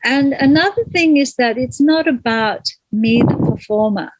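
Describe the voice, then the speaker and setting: Soft-spoken woman, slightly high, dry sound. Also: unhurried, dry recording, rough recording. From Malaysia. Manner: gentle, thoughtful, searches for words. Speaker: guest, kirtan singer. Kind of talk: reflective interview conversation.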